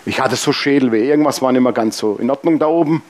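A man's voice: medium pitch, fast talker. A man preaching a sermon, telling personal stories with humor and speaking straight to the congregation. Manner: lively, humorous storytelling, addressing the congregation directly.

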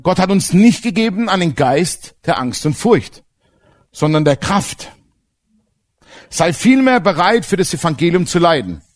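A man preaching a sermon, telling stories with feeling and dropping to hushed, choked-up moments. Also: high voice, unhurried. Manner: emotional, animated storytelling with sudden quiet, choked-up stretches.

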